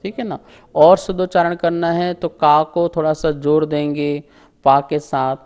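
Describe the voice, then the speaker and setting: A man's voice: on the high side, little pitch movement, a little mellow, clean tone. A man teaching a scripture lesson, pronouncing each term syllable by syllable and explaining it step by step. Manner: explains syllable by syllable, drawn-out words. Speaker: religious teacher. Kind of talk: slow recitation lesson.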